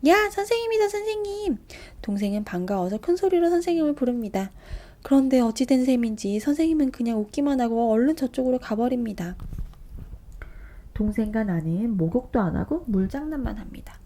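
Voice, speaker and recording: A woman reading a children's picture book aloud with expressive narration and soft asides. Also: a little high, brisk. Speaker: storybook reader.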